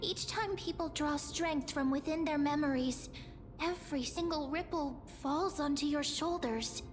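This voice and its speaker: A woman voicing a gentle young heroine in a video game, speaking tenderly and earnestly to reassure someone. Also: high-pitched, measured pace, slight background noise. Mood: tender, reassuring.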